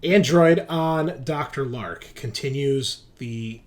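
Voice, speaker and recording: A man with a mid-range voice speaks slowly as game master, explaining the rules and narrating a tabletop roleplaying game in a conversational, explanatory manner.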